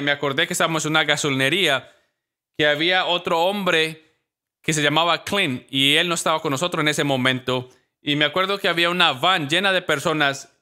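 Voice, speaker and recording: A man preaches from a church stage with a notably bright, sharp tone and a slightly higher pitch than most men. He tells his stories with animation and slips into the voices of the people he describes. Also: clean tone. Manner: animated storytelling, acting out quoted voices. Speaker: pastor. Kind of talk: sermon.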